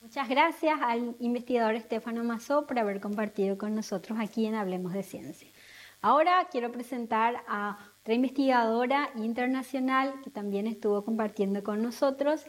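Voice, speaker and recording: A woman hosting a science show, introducing guests in a clear, formal way. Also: on the high side, poor audio. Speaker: show host. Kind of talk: scripted introduction.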